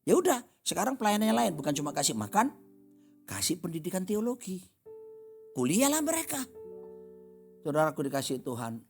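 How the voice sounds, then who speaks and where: A middle-aged man, a pastor, preaching a sermon with animated storytelling and acting out voices in the dialogue. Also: high voice, a little fast, gravelly, long pauses, soft background music.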